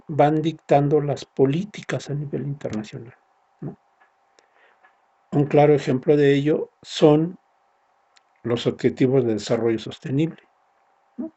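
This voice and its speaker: Man, lecturer, gravelly low voice, husky tone, dull lo-fi audio. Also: warm tone. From Mexico. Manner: explanatory, frequent tag questions. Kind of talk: recorded university lecture.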